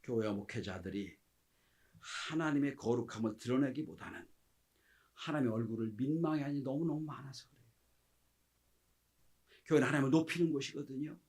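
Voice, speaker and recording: Preaching with passion, this middle-aged male pastor has a mid-range voice and a fairly quick delivery broken by frequent pauses. His sermon alternates between loud exclamations and near-whispers, and he performs the quoted speech.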